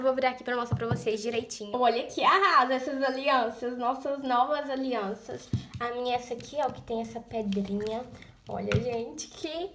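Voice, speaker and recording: In a casual vlog recorded at home on a phone camera held at arm's length, a high-voiced young Brazilian woman gushes chattily, calling her viewers "gente." She has a stuffy nose from a cold, and there is a little hiss or hum.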